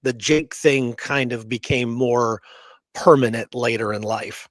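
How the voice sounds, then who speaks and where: A man co-hosts a casual history talk, working through his research notes conversationally and often checking that his listener is following along. His mid-range voice is steady and a little slow, with no room sound.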